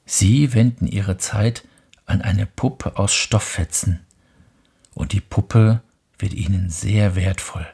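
A gentle, wondering little boy prince, hushed and breathy, as a man reading aloud puts him on. The voice is husky with a gravelly fry and an unhurried pace, a bedtime storybook figure. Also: on the low side, steady tone, full character voice. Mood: earnest.

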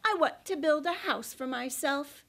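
A woman voicing a timid, polite little pig who turns high and frightened when threatened. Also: unhurried, creaky, a bit bright, heavily acted.

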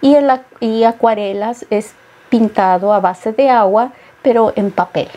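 Speaking a little slowly in a warm, fairly high voice, a middle-aged woman from Peru is the painter guest in an interview conversation. She reflects carefully, with frequent hesitations, on a studio set furnished with bookshelves.

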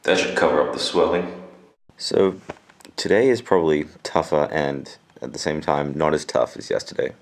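A young adult man with a swollen, sore jaw, rambling casually and deadpan to a handheld camera at home. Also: a bass voice, normal speed. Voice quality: gravelly, creaky voice. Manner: deadpan, dryly joking. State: swollen, sore jaw after wisdom teeth removal. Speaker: vlogger. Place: indoors at home. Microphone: handheld camera at arm's length.

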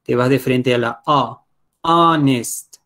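A man's voice: medium pitch, normal speed. A man with a Peruvian Spanish accent teaching an online class. He explains patiently and keeps checking in with his students. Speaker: English teacher.

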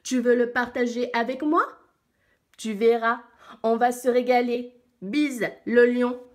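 A woman's voice: fairly high pitch, steady tone, slow pace. A woman voicing a greedy, sly crocodile writing a letter in a storybook, smug and savoring.

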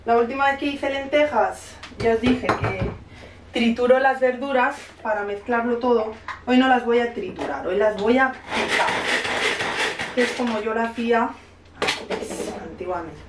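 A woman's voice: fairly high pitch, measured pace, noisy background. A woman from Spain in her thirties, a mother vlogging casually at home, telling a story and acting out the dialogue, with a cough from a cold. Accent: Spanish from Spain. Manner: chatty storytelling, acts out the dialogue. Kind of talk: casual chat to camera. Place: home kitchen.

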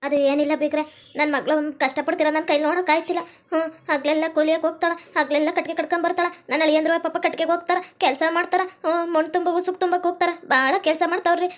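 A woman's voice: very high voice, fairly even intonation, rapid-fire. A woman playing a worried middle-aged mother who pleads for her daughter, with a North Karnataka accent. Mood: pleading. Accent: North Karnataka Kannada. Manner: pleading, imploring.

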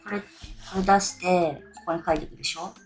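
A drunk vlogger in her thirties chats solo to camera from a small bedroom or hotel room, rambling and often losing her train of thought. Her voice is on the low side with fairly even intonation, and she talks fast. Faint music plays behind her, and the audio is poor.

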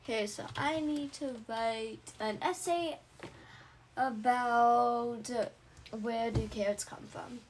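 A woman's voice: on the high side, takes it slowly, a little hiss or hum. A woman narrating her game character in a playful first-person way, chatty and dramatic with lots of "like" fillers.

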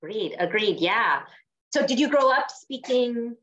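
A woman's voice: a little high, lively intonation, a little slow, fairly bright tone. A woman podcast host who reads a guest introduction and asks encouraging questions over a video call. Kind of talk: reading an intro, then interviewing. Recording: dull lo-fi video call audio.

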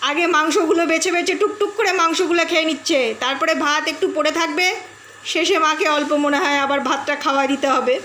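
A woman vlogging at home, talking to her viewers and scolding and coaxing her dog with quick repeated commands. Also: sits high, sharp tone. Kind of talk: casual home vlog narration. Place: inside a home. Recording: echoey room with background noise.

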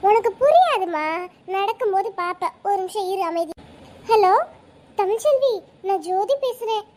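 A woman's voice: extremely high pitch, animated, normal speed, mellow. A woman voicing a scheming young wife in a cartoon, sweet on the surface and sly underneath. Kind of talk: cartoon voice acting.

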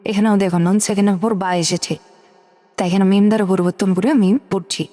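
A woman teaching Quran reading, slowly spelling out letters and vowel marks and asking questions that she answers herself. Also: medium pitch, steady tone, mellow, in a large hall, soft background music. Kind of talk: step-by-step spelling lesson.

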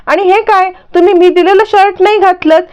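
A woman voicing a sweet young wife who is eager to please and quick to apologise in a story retelling. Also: extremely high pitch, fairly even intonation, a little mellow, pitched above the performer's own voice.

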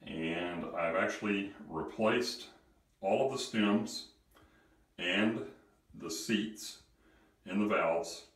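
A man filming his bathroom on a handheld phone, asking in an unhurried, hesitant way for advice on a repair. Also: deep voice, fairly bright tone. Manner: unhurried, hesitant, thinking aloud. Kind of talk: casual how-to video narration. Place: small tiled bathroom, indoors. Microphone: handheld phone camera. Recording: echoey bathroom with running water. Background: running water from tub faucet and shower.

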